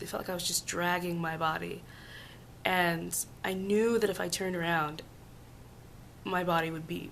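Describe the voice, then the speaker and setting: Woman, hoarse failing voice giving out from illness, very slow halting casual storytelling, slightly low pitch, breaking into whispers. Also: a bit bright, a little hiss or hum. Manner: halting, hesitant, with long pauses. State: sick with flu and laryngitis. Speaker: vlogger. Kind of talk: casual personal storytelling to camera.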